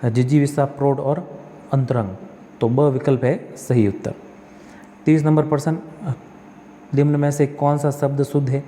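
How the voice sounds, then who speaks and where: A man's voice: mid-range voice, little pitch movement, unhurried, long pauses, mellow, in a large hall, slight background noise. A male tutor walks through exam practice questions, reading each one, correcting the spellings step by step and asking himself questions that he answers.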